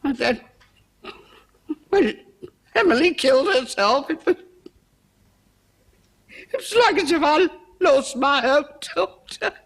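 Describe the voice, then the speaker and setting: An actress playing an older household cook in a period television drama. The cook is proud and touchy, speaks in working-class phrasing, and turns tearful and lonely. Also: female voice, high voice, lively intonation, slow, vocal fry, pauses often, exaggerated voice.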